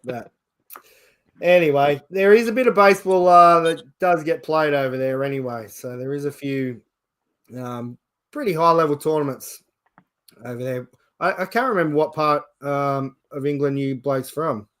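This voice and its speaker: A man's voice: fairly high pitch, moderate pace, a bit bright, smooth. A man with an Australian accent hosting a casual sports chat show.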